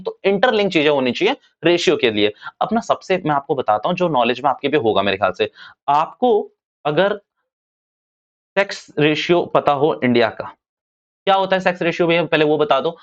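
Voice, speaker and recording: A man, teaching commerce in a casual classroom lecture and repeating his points as he talks to students. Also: fairly high pitch. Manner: chatty, addresses students as "bhaiya", repeats points. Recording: dull lo-fi sound.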